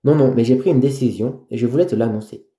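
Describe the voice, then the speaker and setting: A man's voice: mid-range voice, fast talker, warm tone, natural voice. A man reading as a hesitant, embarrassed young woman. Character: nervous young woman sharing news. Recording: roomy echo.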